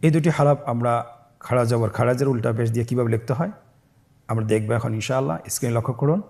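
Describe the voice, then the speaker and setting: A man teaching Quran reading, spelling syllables slowly and asking listeners to repeat after him, voicing each joined word louder. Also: medium pitch, creaky. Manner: slow, syllable-by-syllable call-and-repeat drilling. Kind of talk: step-by-step recitation lesson.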